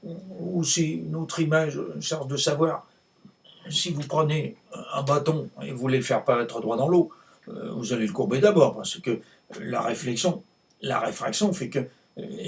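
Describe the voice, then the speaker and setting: Male stage actor as a cantankerous French novelist, gravelly, theatrical rambling monologue, halting, repetitive, emphatic, recorded at a distance. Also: on the high side. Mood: weary, insistent. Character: cantankerous, world-weary male French novelist holding forth on style. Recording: distant microphone.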